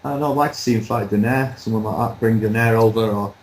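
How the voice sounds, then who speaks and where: A man chatting casually as a pundit, relaxed and rambling, with a light laugh now and then. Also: fairly low pitch, fast talker, a little hiss or hum, poor audio. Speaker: boxing pundit. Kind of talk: casual chat.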